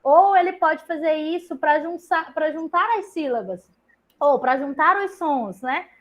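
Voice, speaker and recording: A woman walks parents through reading activities. She talks chattily, piling up examples and tagging her points with quick questions to keep them with her. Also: high-pitched. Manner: chatty, explains with examples, many tag questions. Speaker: literacy tutor leading a parent meeting. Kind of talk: online group session, casual explanation.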